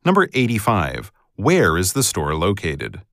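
A man reading scripted exam questions as a test narrator, formal and clearly enunciated. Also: sits low, wildly swooping pitch, unhurried, a bit bright, no room sound, clean studio sound.

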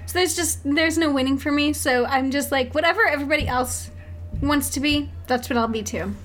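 A woman's voice: sits high, brisk, fairly bright tone. A woman co-hosting a casual podcast chat, giggling and laughing often as she talks. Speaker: podcast co-host.

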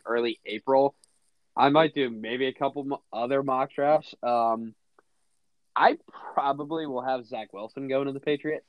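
A man's voice: medium pitch, no room sound. A man hosting a casual sports podcast, reading game previews and giving blunt, opinionated picks. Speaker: podcast host. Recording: dull lo-fi audio.

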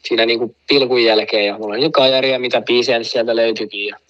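A man's voice: medium pitch, steady tone, muffled recording. A man casually telling a long, rambling anecdote, full of fillers and asides. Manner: rambling, full of fillers, laughs at own story. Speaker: guest telling a story.

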